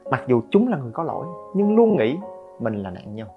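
A middle-aged man hosts a podcast about parenting and makes lively, joking asides to listeners. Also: mid-range voice, brisk. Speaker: podcast host. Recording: slightly dull, faint guitar music.

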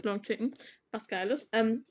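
A woman's voice: fairly high pitch, normal speed. A teenage girl hosting a podcast, telling a rambling story in casual, slangy chat with crude jokes. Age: teens. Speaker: podcast host.

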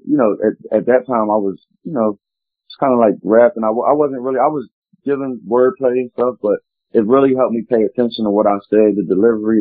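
A man's voice: fairly low pitch, dry recording. A man telling his personal story as an interview guest, in an earnest, meandering, reflective way. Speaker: guest, spoken word poet. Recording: tinny phone-like line, dry.

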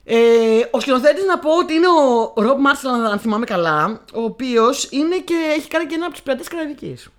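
Young woman, higher voice, chatty, hesitant, casual film talk. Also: sing-song, hardly any pauses. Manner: chatty, hesitant with many fillers. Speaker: co-host.

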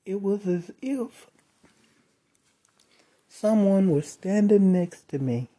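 A storyteller calmly recounting a first-person eerie encounter with measured pauses. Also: mid-range voice. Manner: slow, measured retelling with dramatic pauses.

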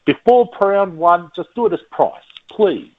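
A man's voice: high voice, expressive, unhurried. Man, Australian accent, blokey and blunt, exasperated casual ranting, tinny phone-quality audio, podcast panellist.

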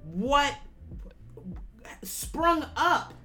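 A woman's voice: sits high, big pitch swings, extremely slow, pushed and bright, faint music behind. An American woman in her thirties talking frankly in a casual conversation, emphatic and swearing freely. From United States.

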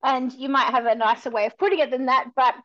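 A woman's voice: high voice, steady tone, bright, forceful tone, dull audio. A woman dog trainer joining as a guest, chatting casually and agreeing eagerly. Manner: eager and affirming, quick agreements. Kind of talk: casual conversational chat.

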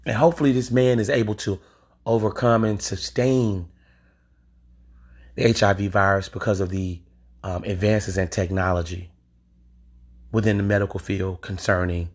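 A breathy edge colors this man's fairly low voice. Hosting his own podcast alone, the forties-aged speaker sounds forceful and opinionated, with some swearing mixed in.

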